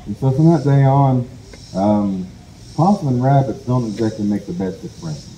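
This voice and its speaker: A man from the Cherokee Nation telling a traditional folk tale in a casual, conversational, animated way at an outdoor event. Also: mid-range voice, moderate pace, reverberant, a little hiss or hum, rough recording. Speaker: storyteller. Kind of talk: oral folk storytelling. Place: outdoor heritage day event.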